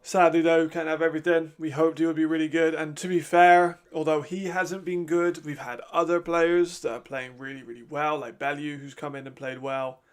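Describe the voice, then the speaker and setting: A man talks his way through a live football game in a loose, casual watch-along. His voice sits a little high, and he chats freely, laughing and restarting sentences as he reacts. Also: little pitch movement, moderate pace, hardly any pauses, clean tone. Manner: casual, chatty, laughs often, trails off and restarts.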